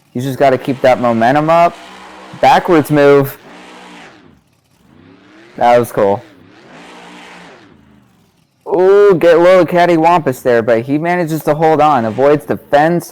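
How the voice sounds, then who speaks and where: Perform as a relaxed, mid-voiced male co-commentator. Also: mid-range voice. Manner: relaxed, easygoing, says "you know" often. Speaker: co-commentator and judge. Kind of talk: casual color commentary.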